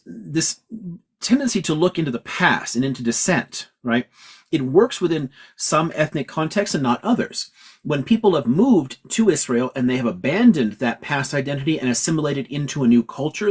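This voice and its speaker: A man's voice: medium pitch, husky. A man from California, a professor hosting a livestream Q&A, explaining ideas emphatically in a lecturing way and swearing casually. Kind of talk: livestream lecture-style chat.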